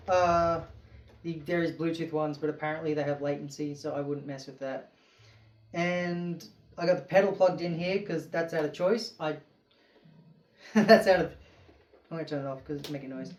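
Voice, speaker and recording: Far from the mic in his small home studio, a man with a slightly high voice casually reviews keytars, rambling enthusiastically with many fillers. The room sounds roomy, with slight background noise and keyboard music behind him.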